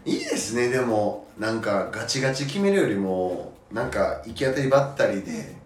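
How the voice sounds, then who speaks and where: Very low-voiced woman asking questions. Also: expressive, a little fast, slight background noise. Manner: asks questions, constant backchannels and laughs. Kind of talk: casual chat. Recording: roomy echo with faint background music.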